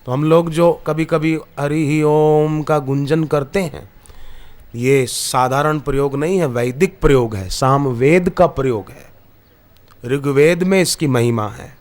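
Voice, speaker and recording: A male preacher with a fairly high voice delivers a devotional discourse to a gathered audience. He tells scripture stories and weaves in quoted verses. His voice climbs higher and louder when he stresses a point. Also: unhurried. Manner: storytelling with scriptural quotes, rising emphatic delivery. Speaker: spiritual preacher. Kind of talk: Hindi satsang discourse. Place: discourse hall before an audience.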